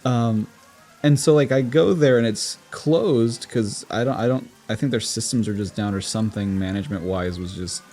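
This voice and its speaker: A young man co-hosting a relaxed chat, often laughing and jumping in with quick replies. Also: lowish voice, soft background music. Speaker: podcast co-host. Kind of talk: casual chat.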